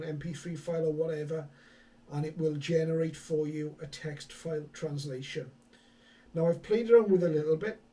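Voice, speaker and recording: A man with a fairly high, mellow voice, recorded from a distance, presents a hobby radio vlog. He explains tech to the camera in a casual, conversational way, sometimes hesitating as he thinks aloud.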